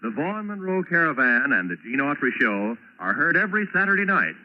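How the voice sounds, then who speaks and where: A man's voice: on the high side, fairly quick. A male announcer giving a polished 1940s radio announcement. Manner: lively, polished announcer delivery. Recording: dull lo-fi 1940s radio with faint hiss.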